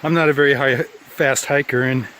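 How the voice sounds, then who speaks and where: A man's voice: mid-range voice, steady tone, moderate pace, fairly bright tone. Tired male hiker, outdoor handheld vlog, rambling and plain-spoken, faint background hiss. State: tired after a long hike. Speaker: hiker filming a trail vlog. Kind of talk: casual spoken trail diary. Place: outdoors on a mountain trail.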